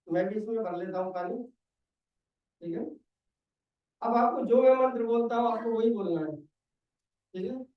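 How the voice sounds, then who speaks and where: A man's voice: very high-pitched, a little slow, pauses often. An Indian man doing live comedy magic patter like a playful kids' party magician, guiding a volunteer step by step. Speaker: stage magician hosting a comedy magic act. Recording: echoey hall, distant dull microphone.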